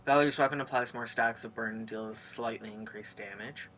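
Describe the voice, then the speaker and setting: A gaming streamer giving let's play commentary, excitable and rambling, reading the game's text aloud between reactions. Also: medium pitch, normal speed, slight background noise.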